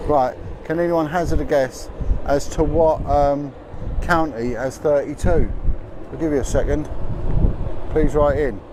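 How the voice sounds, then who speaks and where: A man's voice: on the high side, steady tone, a little slow. A man hosting a casual livestream outdoors on a boat, rambling and reading out figures with plenty of ums. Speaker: livestream host. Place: outdoors on a boat in strong wind. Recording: wind and engine noise.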